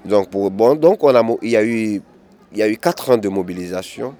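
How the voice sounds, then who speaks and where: Interviewed outdoors in a city, a man who works as a migrant activist offers candid testimony in a fairly low, mellow voice. He's animated and a little fast, yet full of hesitations, restarts and repeated words.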